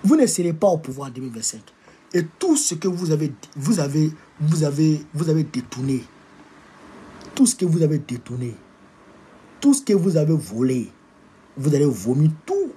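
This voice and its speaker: A man's voice: fairly high pitch, big pitch swings, moderate pace, dark tone, husky. Combative man with an Ivorian accent. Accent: Ivorian French. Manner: combative, insulting, repetitive. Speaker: political activist. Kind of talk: political rant to camera.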